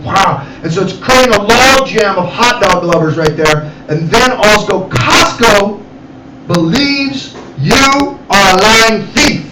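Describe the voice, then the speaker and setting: High-pitched guy doing stand-up at a cafe, animated, echoey room, loud noise. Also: slow pace, recorded from a distance. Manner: animated, acts out characters. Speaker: comedian. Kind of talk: stand-up comedy storytelling.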